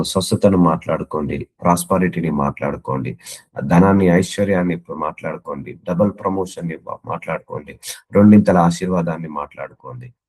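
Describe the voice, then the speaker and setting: Man, preacher, low voice, earnest sermon, repetitive rhythmic exhortation, scripture reading. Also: a little mellow, husky. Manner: repeats phrases in rhythmic lists, quotes scripture.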